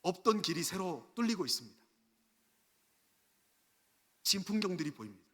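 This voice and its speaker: A man's voice: high voice, sing-song, moderate pace, a bit bright, breathy edge. A man pastor preaching an earnest sermon full of rhetorical questions at a Wednesday church service. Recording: echoey church sanctuary.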